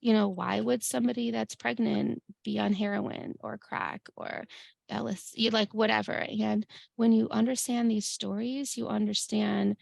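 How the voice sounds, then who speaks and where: Gravelly middle-aged woman speaker. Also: medium pitch, steady tone, normal speed, a little mellow, no echo. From Chicago, USA. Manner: many fillers and restarts, says "like" often. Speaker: epidemiologist and guest speaker. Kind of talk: personal story told to a community group.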